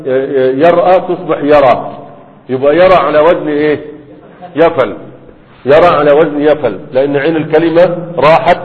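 A man's voice: fairly high pitch, moderate pace, pauses often. A man with an Egyptian Arabic accent teaching grammar in a classroom lecture, often quizzing his students with "right?" and "what?". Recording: phone-like, with a long hall reverb.

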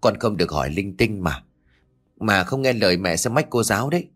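A man voicing a worried young village wife and mother in a ghost-story audiobook, speaking anxiously and softly. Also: on the low side, expressive, fairly quick. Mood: soothing. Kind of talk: audiobook character voice.

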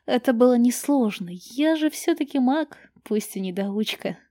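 A woman voicing a gentle, tender grown man who speaks softly and reassuringly in a storybook reading. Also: a little high, expressive, measured pace, no room sound. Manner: soft, warm-hearted and reassuring.

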